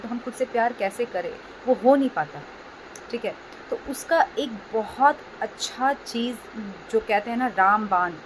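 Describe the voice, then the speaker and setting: A woman hosting a self-help video, giving gentle casual advice to her viewers and checking in often with them. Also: fairly high pitch, slight background noise, rough recording. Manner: gentle, repeats "ठीक है" often. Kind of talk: casual advice talk to camera.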